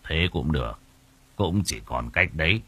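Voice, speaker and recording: A man voicing an elderly village father, speaking low and brooding. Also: lively intonation, a little slow, sharp tone, breathy edge, exaggerated voice.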